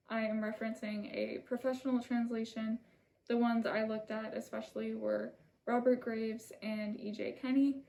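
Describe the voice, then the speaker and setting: A channel host whose first language isn't Italian reads a scripted video essay, soft-spoken, earnest and apologetic. Her voice is gravelly and on the high side, captured by a camera mic as she sits holding her script.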